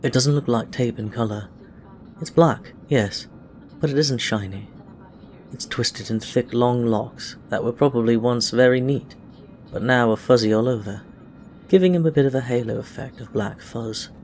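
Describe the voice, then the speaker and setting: A man with a mid-range, darkish voice reads a scripted fan fiction story aloud at normal speed, like an audiobook narrator. There's no background noise in the recording.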